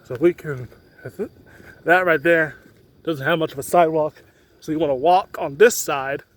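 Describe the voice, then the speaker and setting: A man's voice: a little high, normal speed, fairly bright tone. A young man chatting casually in an off-the-cuff, rambling walking vlog, recorded outdoors on a handheld phone. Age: young adult. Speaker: student vlogger. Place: outdoors on a campus street. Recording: faint outdoor street noise.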